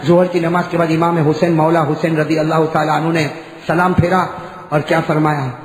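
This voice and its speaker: High-voiced preacher in an echoing hall. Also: male voice, little pitch movement. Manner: swings between shouted high cries and low hushed narration. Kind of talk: impassioned Urdu sermon storytelling. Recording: echoey reverberant hall.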